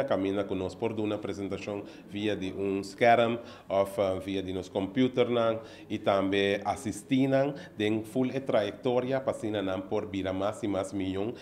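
A man's voice: lowish voice, a little mellow. A middle-aged man, earnestly explaining his business into a handheld mic in a news interview indoors. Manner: earnest, explaining step by step with many fillers. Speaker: business owner being interviewed. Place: indoor office at an opening event. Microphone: handheld reporter mic held close.

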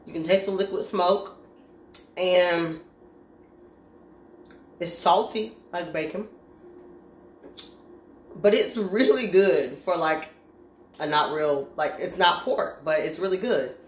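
A woman's voice: fairly low pitch, slow, long pauses. A woman chatting casually in a cooking vlog, filling her talk with "like" and talking while she eats. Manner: chatty, frequent "like" fillers, talks while eating. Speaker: vlogger. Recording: echoey room.

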